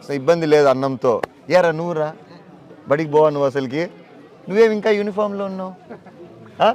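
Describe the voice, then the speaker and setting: A man, a politician touring a village outdoors, talking casually with villagers and children in a brisk, commanding, playful way. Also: fairly high pitch, a little mellow, slight background noise.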